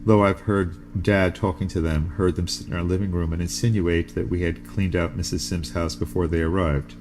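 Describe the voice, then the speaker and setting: Low-voiced man reading a novel aloud. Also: flat delivery, background noise. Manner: measured, unhurried first-person reading. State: sneezing from allergies. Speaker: podcast host reading a novel.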